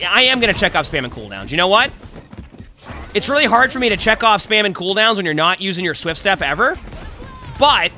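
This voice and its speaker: A man with a high voice streams while coaching a player through gameplay. He talks directly to them about their mistakes, sounding a little hoarse because he's under the weather.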